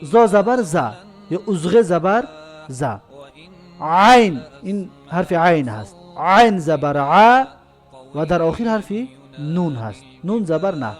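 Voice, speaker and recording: A man's voice: sits high, lively intonation, faint music behind. A man with a Tajik accent teaching an alphabet lesson, spelling out each letter and then saying each word twice, drawn out.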